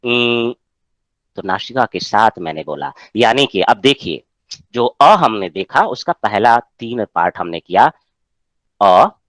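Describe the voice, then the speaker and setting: जीवंत उतार-चढ़ाव वाली आवाज़ में पढ़ाता पुरुष शिक्षक. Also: male voice, lowish voice, very animated, a little slow, a bit bright, no room sound. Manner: explains patiently, checks with students often. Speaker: Sanskrit teacher. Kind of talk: online class lecture.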